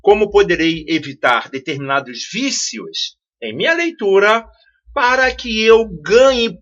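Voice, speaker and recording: In a classroom-style video lesson, a man with a high, bright and forceful voice teaches a study lesson, using rhetorical questions and repeating key phrases as he explains. The audio is dull and lo-fi.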